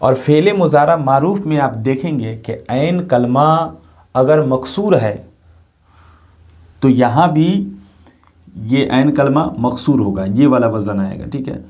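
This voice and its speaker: A man's voice: medium pitch, takes it slowly, darkish tone. A man teaching an Arabic grammar lesson, patiently repeating points and asking his students if they follow. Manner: patient, repeats points, often asks rhetorical check questions. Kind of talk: classroom lecture explaining grammar.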